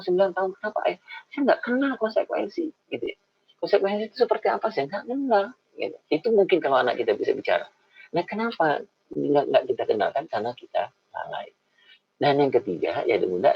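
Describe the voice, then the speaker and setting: A middle-aged man giving a lively, informal talk on raising children, speaking to mothers and acting out parent and child voices. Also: mid-range voice, gravelly, husky. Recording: dull lo-fi sound.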